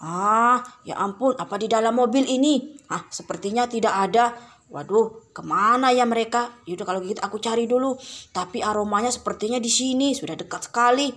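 A woman voices a huge, menacing giant who hunts children in a cartoon game drama. She talks slowly with a fairly bright tone, gloating and letting out booming laughs in a searching mood.

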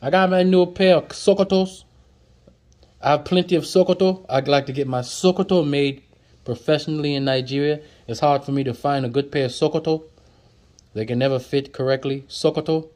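A man with a mid-range, slightly mellow voice gives a casual flashcard lesson, repeating each word and joking with viewers. He's indoors at a table, off camera.

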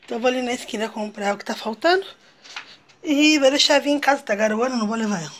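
A woman's voice: on the high side, quick pace, a bit bright. A young woman and mother chatting casually to her viewers as she narrates her day at home. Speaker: vlogger and mother.

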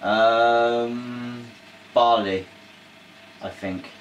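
A man's voice: mid-range voice, steady tone, extremely slow, dull audio. A man co-hosting a casual food taste-test, laid-back with dry jokes. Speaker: food review co-host. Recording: echoey room, faint noise.

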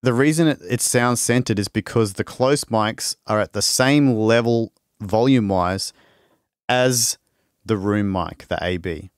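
A man's voice: mid-range voice, unhurried, no echo, clean studio sound. A man casually demonstrating a string sample library on a live stream, talking loosely with restarts as he works and answers questions. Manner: loose and rambling, with restarts while working.

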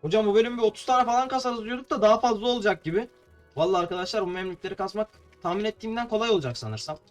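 A young man from Turkey talks his viewers through a battle in a playful, chatty way. His voice sits a little high and he trips over his words now and then. Faint game music plays under him. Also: rapid-fire. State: slightly tongue-tied. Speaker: gameplay streamer. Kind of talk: casual gameplay commentary.

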